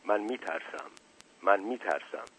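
A man's voice: mid-range voice, expressive, slightly rough, rough recording. A man reading aloud as a timid villager who speaks with a trembling voice. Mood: fearful.

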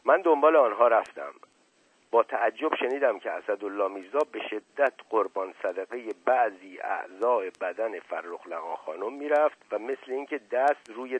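A man reads a novel aloud in a measured, expressive way, his low voice husky. The sound is thin and phone-like, as from a radio broadcast. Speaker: narrator. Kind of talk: audiobook reading of a novel.

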